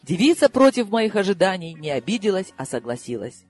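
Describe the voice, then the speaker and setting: A woman's voice: mid-range voice, sing-song, fairly quick, darkish tone, breathy edge, dry recording, soft background music. A woman narrating a first-person audiobook in a wry, mock-fierce way, acting the dialogue.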